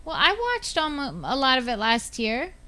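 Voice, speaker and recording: A woman's voice: sits high, very animated, normal speed, sharp tone. A woman co-hosting a casual gaming stream, teasing and playful. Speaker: stream co-host.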